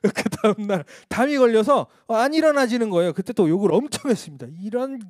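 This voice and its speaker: A man's voice: sits high, lively intonation, fast, darkish tone, dry recording, studio quality. A male missionary preaching a candid testimony sermon at a church service, telling his story in a frank, self-mocking way.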